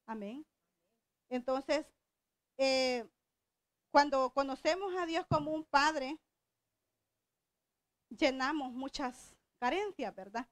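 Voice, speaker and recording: Woman preacher from El Salvador, middle-aged, high voice, conversational sermon delivery, dry close recording. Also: dry recording. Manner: conversational, asks the congregation questions.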